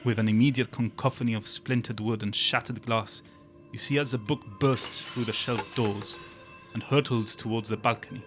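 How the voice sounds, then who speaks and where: A man's voice: fairly low pitch, fairly even intonation, normal speed, a bit bright, faint music behind. A man narrating a tabletop fantasy game as game master, with descriptive storytelling.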